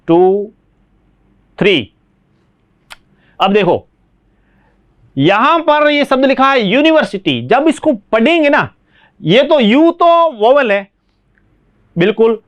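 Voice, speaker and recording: Higher-pitched Indian man teaching English. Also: a bit bright, smooth. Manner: explains slowly, checks understanding with frequent rhetorical questions. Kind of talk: classroom lesson.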